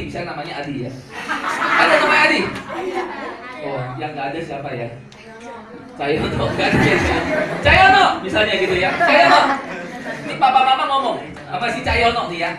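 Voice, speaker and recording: Animated preacher in an echoey hall. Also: male voice, high voice, far from the mic. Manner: animated, asks the audience questions. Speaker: evangelist preaching to students. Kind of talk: youth sermon.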